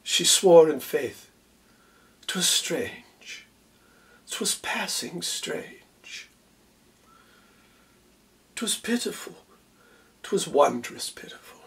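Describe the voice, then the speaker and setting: A man playing a proud, dignified general in a theatrical Shakespeare monologue, speaking in a measured, stately way with long pauses and hushed phrase endings. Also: on the high side, recorded from a distance. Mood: hushed, wondering. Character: Othello, proud dignified male general defending his love.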